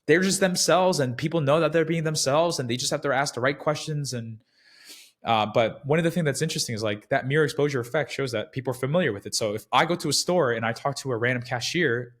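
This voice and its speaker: A man's voice: mid-range voice, quick pace, a bit bright. A man in his twenties, a guest on a sales podcast, talking casually and rambling with many restarts.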